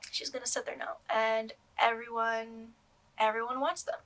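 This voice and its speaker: A young woman with a bright, slightly high voice talks through a disappointing purchase in a loose, rambling way. She hedges and restarts often, filling pauses with ums and likes, like a casual chat with viewers. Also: flat delivery. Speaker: doll collector vlogger. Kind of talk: casual vlog review.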